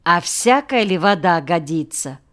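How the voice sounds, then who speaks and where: A woman reading a gently chiding schoolteacher man. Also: fairly low pitch, expressive, a little slow. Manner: mildly chiding, coaxing questions. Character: patient male village schoolteacher, gently reproachful. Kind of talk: audiobook character voice.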